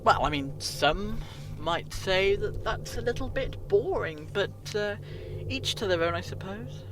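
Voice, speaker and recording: Man as eccentric time-travelling adventurer, high voice, breezy, curious, theatrical; noisy amateur audio drama recording. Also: lively intonation, unhurried. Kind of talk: fan audio drama acting.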